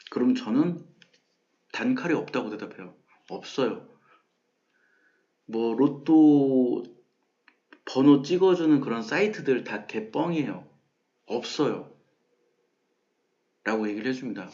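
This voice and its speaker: A man's voice: medium pitch, animated, a little slow, long pauses, warm tone, dull audio. A man hosting a math channel, explaining ideas in a casual lecture and acting out the questions people ask him. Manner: conversational, acts out quoted questions.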